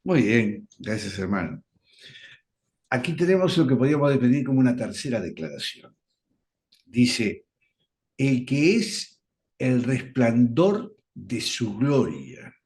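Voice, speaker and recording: A man leads a radio Bible study. He talks slowly and deliberately, his pitch swinging widely as he leans on the key words. He sounds like a patient teacher explaining point by point. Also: big pitch swings, a little mellow.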